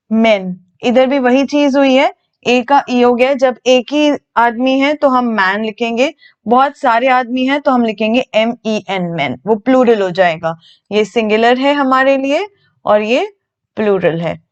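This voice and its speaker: A woman teaching English grammar, patient and explaining step by step, repeating key words and asking her students questions that she then answers herself. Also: on the high side. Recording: dull lo-fi sound.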